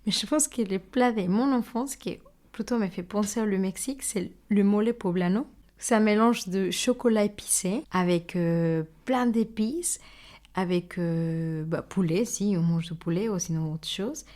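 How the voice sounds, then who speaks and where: A woman's voice: mid-range voice, measured pace, a little mellow. A woman, a guest baker talking casually in an interview, often searching for words and restarting. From Mexico. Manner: searching for words, many small fillers and restarts.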